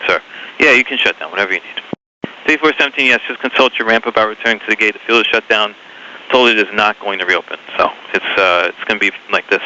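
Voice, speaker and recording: An air traffic ground controller, a man giving clipped, hurried and apologetic instructions to pilots, heard over aviation radio with static bursts. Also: medium pitch, sharp tone. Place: airport control tower. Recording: muffled radio transmission with faint hiss.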